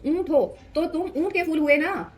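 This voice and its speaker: A woman voicing a gentle, patient talking flower that explains things softly and kindly. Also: high-pitched, expressive, quick pace. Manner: soft, coaxing explanations. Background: background music.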